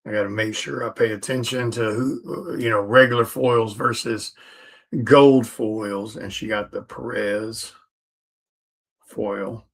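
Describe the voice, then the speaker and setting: A man's voice: on the low side, steady tone, slow. A tired man talks casually on a livestream as he works through a stack of orders. He mutters item names to himself between loose, chatty asides. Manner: mutters to himself while reading out order items. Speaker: comic artist streaming while packing orders.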